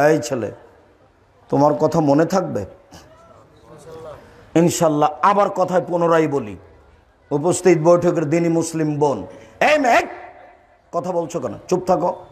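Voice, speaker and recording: An older man preaching a sermon, teaching his audience, repeating key points, asking them questions and scolding those who talk. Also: high-pitched. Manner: scolds listeners for talking. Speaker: Islamic preacher.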